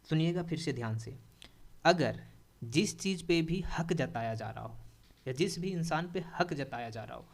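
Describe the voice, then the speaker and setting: A man's voice: fairly high pitch, animated, normal speed, vocal fry. A young adult man with an Indian accent teaching a grammar lesson in a classroom style. He repeats key points and asks the class questions as he goes. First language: Hindi.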